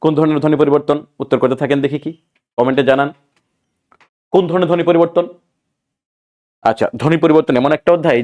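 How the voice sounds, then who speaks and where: A man's voice: on the high side, darkish tone. A man from Bangladesh, teaching an exam-prep grammar lesson and quizzing listeners before answering his own questions.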